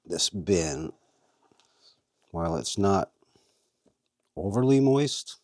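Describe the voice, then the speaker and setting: A man's voice: deep voice, expressive, very slow, a little mellow, no echo, studio quality. A man hosting a casual how-to video, chatting as he works and talking to his worms. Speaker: vlog host and worm farmer.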